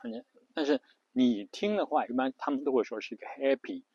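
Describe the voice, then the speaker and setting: A man's voice: mid-range voice, expressive, quick pace, darkish tone, husky, dry recording. Guy explaining pronunciation, on the words, says things twice, muffled dry sound. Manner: repetitive, lots of fillers and restarts, spells letters out. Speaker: English pronunciation teacher. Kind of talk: casual spoken lesson.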